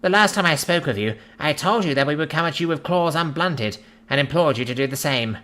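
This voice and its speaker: A man's voice: a little high, animated, brisk, bright, forceful tone, pitched above the performer's own voice. A man voicing a weary, defeated male alien ruler who speaks formally, solemn and pleading. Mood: weary, grave.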